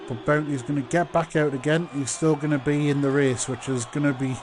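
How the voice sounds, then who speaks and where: A man commentating live on a motor race, calling the action in drawn-out phrases. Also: fairly high pitch, fairly even intonation, noisy background. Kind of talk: live online sim racing commentary.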